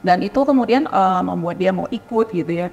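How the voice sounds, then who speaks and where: A woman's voice: on the low side, fairly quick, darkish tone, lo-fi sound, slight background noise. Chatty woman in a reverberant hall. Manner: chatty, tags sentences with "gitu ya". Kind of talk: panel discussion.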